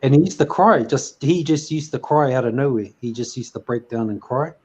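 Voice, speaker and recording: A man's voice: medium pitch, fairly quick, a little mellow, breathy edge. A man hosting a casual chat, rambling with lots of fillers and restarts. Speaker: host.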